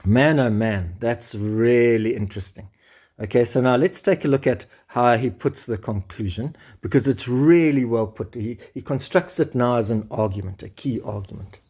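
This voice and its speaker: Brief: male lecturer, dark mellow tone, reading a paper aloud with keen exclamations. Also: medium pitch, moderate pace, slightly rough. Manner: enthusiastic, exclamatory asides. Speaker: education lecturer. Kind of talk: reading and commenting on a research paper.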